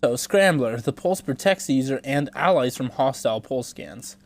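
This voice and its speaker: A young gameplay streamer, congested and stuffy from a cold, casually comments on a video game as he plays. His mid-range voice is expressive at a moderate pace, and he rambles and thinks aloud, swearing now and then.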